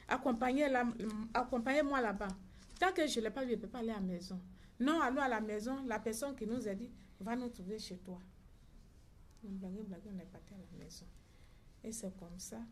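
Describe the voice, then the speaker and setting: Middle-aged woman, slightly high voice, halting testimony full of reported speech. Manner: halting retelling with reported dialogue. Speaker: victim's mother. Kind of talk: personal testimony.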